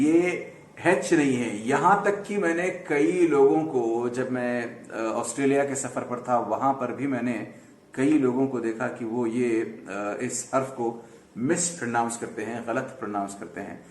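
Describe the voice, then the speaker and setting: A man teaches pronunciation at a deliberately slow, patient pace, drawing out each letter sound. His voice sits a little high, and the room rings with noticeable echo. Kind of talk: explaining lesson to camera.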